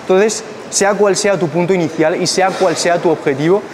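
A man's voice: high voice, moderate pace, background noise. A young man, a fitness coach, giving direct gym advice to the camera in an indoor gym, with rhetorical questions, on a clip-on mic. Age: young adult. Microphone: small clip-on mic on shirt. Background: background music.

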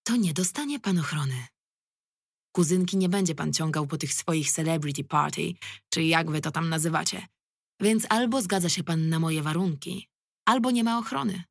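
A tired, gruff police chief with a fatherly streak, as a woman plays him lays down the terms firmly and plainly. The voice is low and gravelly, with a husky grain. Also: lively intonation, normal speed, dry recording, studio quality, full character voice. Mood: firm, weary. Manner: firm, tired and plain-spoken. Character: weary middle-aged male police commander, gruff but fatherly.

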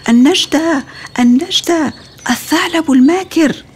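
A woman's voice: a little high, moderate pace, darkish tone, slightly rough. A woman voicing the youngest baby bird in a children's storybook, fearful and crying out for help. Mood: frightened. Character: tiny frightened baby bird, youngest chick.

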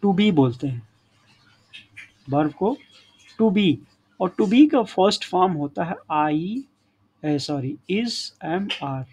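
Male teacher, higher voice, checking tags. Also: expressive, slow, pauses often, dark tone, husky, rough recording. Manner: addresses students as children, frequent checking tags. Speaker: English teacher. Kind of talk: classroom grammar lesson.

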